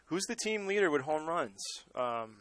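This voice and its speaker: A man's voice: on the high side, very animated, normal speed, a bit bright, no room sound. A man with a Boston accent calling a baseball game live, mixing play-by-play with casual banter.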